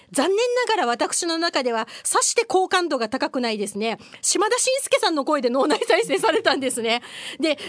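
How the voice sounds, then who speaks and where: A woman's voice: high-pitched, no room sound, clean studio sound. A woman hosting a casual solo news chat, chatty and wry, mixing formal polite phrasing with casual asides and frequent hesitations. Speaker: podcast host.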